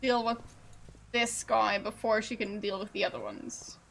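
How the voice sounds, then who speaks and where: A woman doing casual game commentary, thinking aloud in a halting, musing way. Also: medium pitch, expressive, vocal fry, fairly bright tone, slight background noise, poor audio. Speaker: game streamer.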